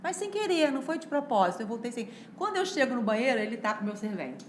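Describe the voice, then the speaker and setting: A woman's voice: on the high side, very animated, quick pace, reverberant, noisy background. A woman, a guest architect on a podcast, telling stories casually and acting out other people's voices.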